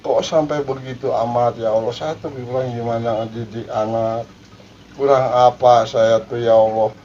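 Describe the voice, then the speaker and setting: A man's voice: medium pitch, warm tone, lo-fi sound, a little hiss or hum, lightly acted. A man voicing a patient, grieving elderly father who speaks wearily and pleads in prayer, in a told story.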